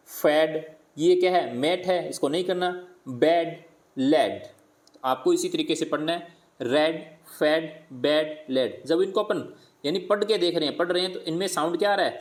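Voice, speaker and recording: A man teaching primary pupils, slowly repeating words and sounding them out, asking questions and answering them himself. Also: fairly high pitch, animated. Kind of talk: worksheet lesson for primary pupils.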